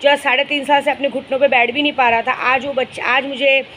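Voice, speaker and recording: A woman's voice: high-pitched, little pitch movement, fast talker, bright, forceful tone, a little hiss or hum, low-quality recording. A woman speaking, a spiritual guide chatting casually to her followers and telling stories with fond asides. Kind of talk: casual vlog chat to followers.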